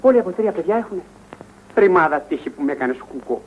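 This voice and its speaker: An actor playing a boastful big-game hunter who blusters and tells tall tales. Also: male voice, fairly high pitch, expressive, narrow, tinny audio, slight background noise, close to an everyday voice. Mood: blustering.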